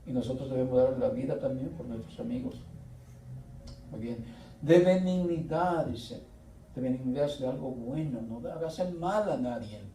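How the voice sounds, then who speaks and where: A middle-aged man preaching a slow, earnest sermon, often pausing and restarting. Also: medium pitch, warm tone, slight background noise. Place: church hall. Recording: echoey church room, voice from far off, faint music.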